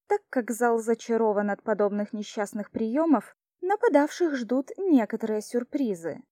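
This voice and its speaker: Stern cool judge lady at a magic academy, dry and formal, mellow slightly high voice, as a woman reads her. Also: no echo, lightly acted. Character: cool, strict female academy duel judge.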